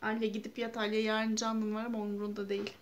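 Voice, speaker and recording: A woman's voice: medium pitch, completely flat delivery, fast. A woman in her thirties chatting casually and homely to her viewers in a home vlog, full of fillers. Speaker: vlogger. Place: at home, kitchen then living room.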